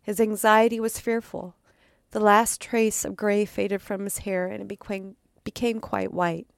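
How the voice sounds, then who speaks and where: A woman's voice: mid-range voice, flat delivery, unhurried, vocal fry, clean tone, no room sound, studio quality. A woman podcast host reading a true story aloud, dramatic, with occasional stumbles and asides.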